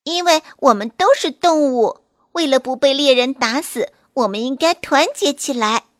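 Small clever gray rabbit, brisk and fearless, high bright voice, dry close sound, as a woman storyteller puts it on. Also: no room sound, lightly acted. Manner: brisk, cheerful, confident.

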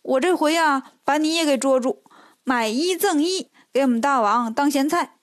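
A bragging male tiger demon swaggers through the lines, voiced by a woman telling the tale. The voice sits high and sounds sure of itself, like a boastful storybook villain. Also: moderate pace, no echo, clean studio sound, close to an everyday voice. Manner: bragging, cocky.

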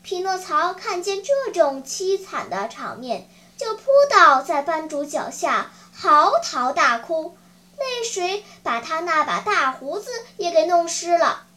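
A woman narrating a children's story in an expressive, animated way. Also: very high voice, a little slow.

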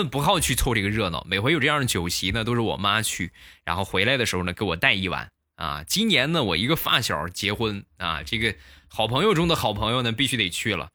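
A man hosting a comedy show, telling funny stories in a lively way and acting out the voices, close to the mic. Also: fairly low pitch, no room sound. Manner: lively, acts out every voice. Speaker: comedy host. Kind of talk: comic storytelling.

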